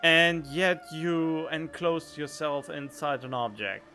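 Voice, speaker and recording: A game streamer talks casually through a playthrough, musing and answering the game back into a close studio condenser mic. His voice sits on the high side, with a sharp tone and fairly even intonation, and he takes his time. Game music plays behind him.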